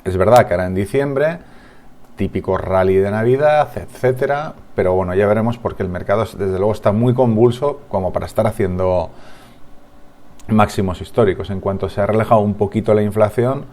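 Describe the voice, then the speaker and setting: A man's voice: on the low side, fairly quick, darkish tone. A man with a Spanish accent from Spain, giving a market analysis over charts as a trading analyst, thinking aloud with frequent restarts and tag questions.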